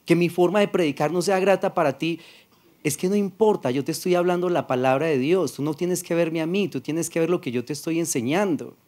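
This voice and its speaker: Man, Paisa Colombian accent, pastor, sermon, soft-spoken, conversational, slightly high voice. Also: brisk. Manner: soft-spoken, does not shout; conversational, acts out dialogues.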